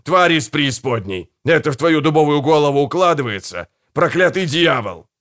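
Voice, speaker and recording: A man voicing Hegel, an anxious, violent-tempered grave robber who snarls and shouts in an audiobook. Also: medium pitch, animated, normal speed, vocal fry, slightly rough, heavily acted. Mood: raging.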